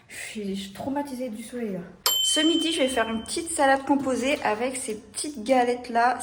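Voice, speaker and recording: A young woman chatting casually in a vlog, self-mocking and trailing off into hesitant asides, recorded on a phone held at arm's length. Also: fairly high pitch. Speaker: vlogger. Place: apartment rooms and city streets. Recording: echoey phone audio with faint hum.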